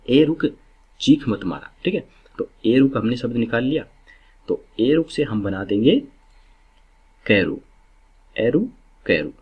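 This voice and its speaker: A man with a low, husky voice teaches exam memory tricks. He explains each step patiently and drills key words over and over. The recording sounds dull and lo-fi.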